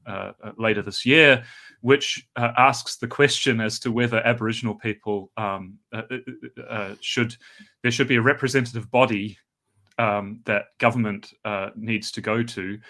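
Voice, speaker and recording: A man's voice: lowish voice, bright, forceful tone. A middle-aged man with a New Zealand accent, a guest scholar talking in a casual podcast conversation with frequent ums and restarts. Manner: hesitant, many ums and restarts.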